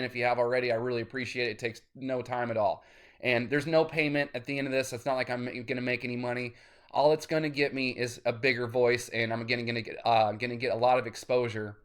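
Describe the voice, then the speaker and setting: A man in his late thirties rants to his viewers in a loose, rambling way, swearing freely as he goes. His voice sits at an ordinary middle pitch. He keeps circling back to his points and pressing them harder and louder. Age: 30s. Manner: rambling, cursing, grows loud and insistent. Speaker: independent musician. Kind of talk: direct-to-camera vlog rant.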